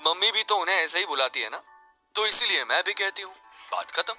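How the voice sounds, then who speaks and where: A man's voice: high-pitched, animated, pushed and bright, soft background music, voice pushed up, full character voice. A man voicing a bold, cheeky young woman of twenty-one in a Hindi audio story, sassy and dramatic. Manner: sassy, quick-witted, dramatic.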